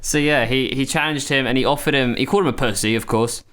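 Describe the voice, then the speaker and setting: A man's voice: mid-range voice, fast talker, a bit bright. Young guy, podcast co-host, easygoing banter, faint hiss behind him. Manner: laughing, banter with swearing. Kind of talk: casual podcast chat.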